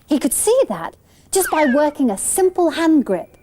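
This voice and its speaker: Lively woman narrating a children's story. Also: sits high, moderate pace, slight background noise.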